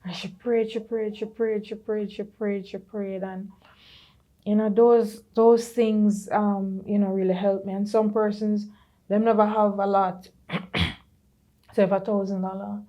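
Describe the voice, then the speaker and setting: A middle-aged Jamaican woman giving an earnest personal testimony, slipping into patois and lively quoted voices. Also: mid-range voice, measured pace, lo-fi sound. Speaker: podcast creator sharing her story.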